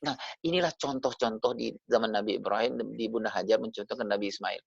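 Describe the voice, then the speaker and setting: A man's voice: lowish voice, fast, creaky, breathy edge, no room sound. A man giving a religious parenting talk over a video call, chatty, turning to his listeners with tag questions as he goes. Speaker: parenting speaker. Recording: dull lo-fi video call audio.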